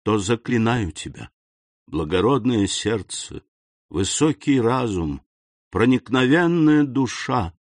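A man voicing a grave, noble middle-aged count, calm and measured in an audiobook reading. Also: mid-range voice, no echo, full character voice. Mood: solemn.

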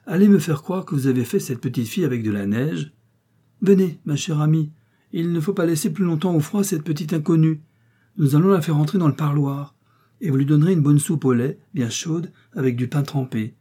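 A no-nonsense middle-aged father in a storybook reading, played by a male narrator, firm and brusque. The voice is husky and dark. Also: on the high side, a little fast, pitched above the performer's own voice.

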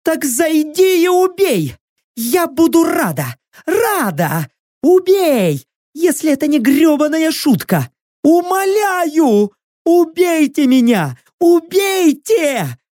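A woman's voice: high voice, big pitch swings, slow pace, dark tone, dry recording, studio quality, voice pushed up, exaggerated voice. A woman voicing a desperate, furious imprisoned creature woman who screams curses and begs to be killed.

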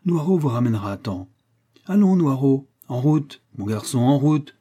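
A man's voice: medium pitch, big pitch swings, moderate pace, mellow, slightly rough. A man voicing a chatty, eager elderly village woman who coaxes and insists. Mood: insistent. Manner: coaxing, insistent.

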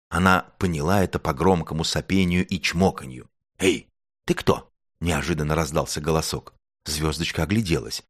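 A man narrating a children's fairy tale, with animated storybook telling. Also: deep voice, no echo, studio quality. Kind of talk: storybook reading.

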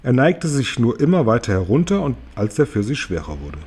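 A man reading a children's story aloud as audiobook narrator, in an expressive storytelling manner. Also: mid-range voice, fairly quick, breathy edge.

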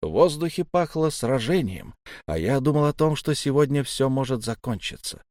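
A man narrating a fantasy novel in the first person, with a measured, steady reading. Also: mid-range voice, dry recording, studio quality. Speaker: audiobook narrator.

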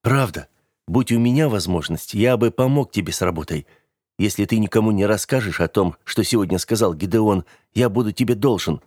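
An earnest, calm young gentleman from an audiobook, as a male reader puts him on. He coaxes gently and sincerely, in a low voice. The sound is dry and close. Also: a little fast, no echo, lightly acted. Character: earnest young rich man, calm, persuasive.

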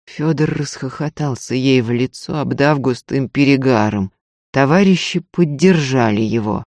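An audiobook reader narrating a story in a steady, even manner. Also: medium pitch, normal speed, no echo. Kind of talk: scripted narration.

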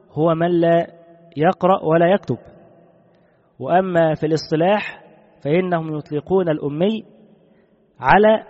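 A man teaching a classical religious law text, in a measured way that repeats key rulings. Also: on the high side, a little mellow. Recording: dull recording with long reverb.

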